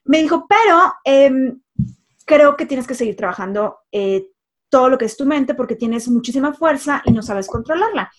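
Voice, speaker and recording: A woman's voice: high voice, animated, normal speed. Woman telling her story, emphatic. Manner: emphatic repetitions and frequent fillers. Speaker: life coach. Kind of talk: personal life story told casually.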